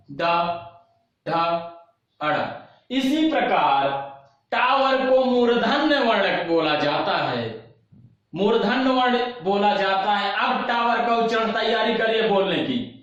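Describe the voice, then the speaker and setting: High-voiced man teaching in an echoey room. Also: a bit bright. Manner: asks questions and answers them himself, repeats key terms; slow, drawn-out demonstration of sounds. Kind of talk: online class lecture. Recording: very echoey, dull lo-fi room recording.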